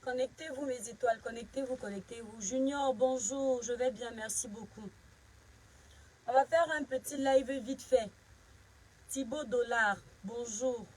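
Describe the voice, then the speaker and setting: A woman's voice: a little high, unhurried, slight background noise, rough recording. A woman from Cameroon hosting a casual live stream, greeting viewers by name and sharply scolding critics. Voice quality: husky.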